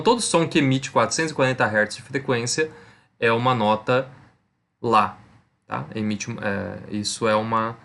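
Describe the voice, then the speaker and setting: A man's voice: mid-range voice, fairly bright tone. A man teaching a recorded physics lesson over slides, speaking conversationally and checking in with his students after almost every point. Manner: explains step by step, repeats key points.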